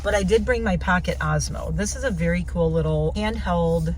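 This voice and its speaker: A woman's voice: lowish voice, normal speed, poor audio. An American woman chatting casually to camera inside a car, rambling and informal, often interrupting herself. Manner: rambling, animated self-interrupting, informal slangy talk. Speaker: vlogger. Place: inside a car while driving. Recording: loud car and road noise. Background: vehicle noise.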